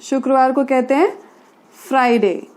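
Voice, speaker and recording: A woman's voice: high-pitched, darkish tone. A woman teaching English vocabulary in Hindi. She repeats each word patiently and spells it out letter by letter. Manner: slow, patient, spells words letter by letter and repeats "theek hai". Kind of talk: spoken English lesson in Hindi.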